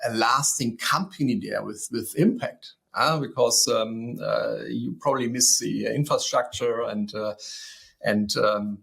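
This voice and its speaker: A man's voice: mid-range voice, unhurried, vocal fry, a bit bright. A man from East Germany hosting an interview, chatting casually and hesitantly with many fillers and repeated words. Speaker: podcast host, interviewer.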